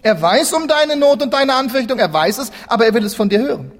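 A man preaching a sermon in a church, lively and dramatic, acting out biblical figures as he tells the story. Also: very high voice, quick pace, long reverb tail. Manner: animated, acts out biblical figures in dialogue.

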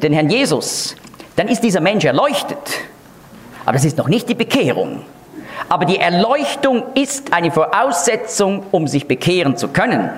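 Emphatic male Bible teacher, lively pitch. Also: a little hiss or hum. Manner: emphatic, explanatory, with sudden rises on key words.

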